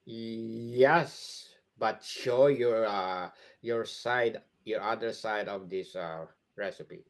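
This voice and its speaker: A man hosting a podcast interview, speaking slowly and repeating short affirmations. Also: lowish voice. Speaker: podcast host. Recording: music playing behind the voice.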